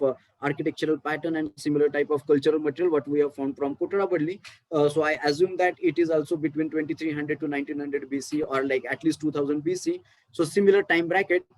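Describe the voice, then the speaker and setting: A man's voice: a little high, a little mellow, no room sound, poor audio. A man with an Indian English accent giving an academic talk on archaeology, explaining step by step with many fillers. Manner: explanatory, frequent fillers and restarts. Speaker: archaeology lecturer. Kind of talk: academic presentation.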